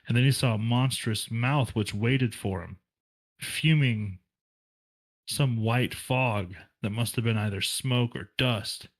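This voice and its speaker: Guy reading a book out loud, mid-pitched voice, steady, sometimes stumbles and restarts. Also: takes it slowly, poor audio. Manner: plain, steady read-aloud with occasional slips and restarts. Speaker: book club reader. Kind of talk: reading a novel aloud.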